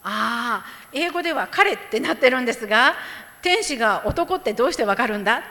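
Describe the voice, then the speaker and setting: A woman interpreting a sermon phrase by phrase, lively and expressive as she restates each line for the congregation. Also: a little high, brisk. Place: church hall. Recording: echoey hall.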